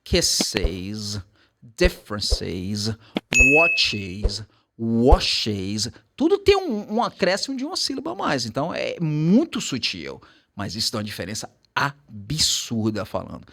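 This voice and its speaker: Animated Brazilian English teacher. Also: male voice, medium pitch, vocal fry, slight background noise. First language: Portuguese. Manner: animated, switches to slow careful English examples. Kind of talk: casual teaching chat.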